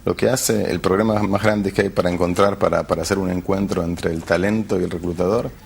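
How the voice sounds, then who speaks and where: A man's voice: sits low, steady tone, brisk, creaky, breathy edge. A man, a tech company founder who hesitates and restarts often as he searches for words in a TV interview. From Argentina. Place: television studio.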